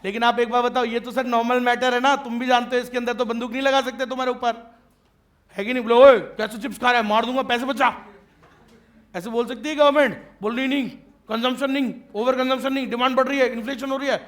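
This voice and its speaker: Very high-voiced man teaching a class. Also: level tone, fast, a bit bright. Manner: checks often that students follow; joking and teasing with students. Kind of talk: classroom lecture.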